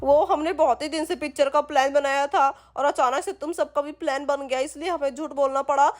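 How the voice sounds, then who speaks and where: Woman putting on a goofy middle-aged dad, whiny and pleading, voice sits kinda high. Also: fairly even intonation, brisk, natural voice. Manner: pleading, groaning comic complaints. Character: bumbling middle-aged dad, sheepish and comic. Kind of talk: Hindi doll-story role-play.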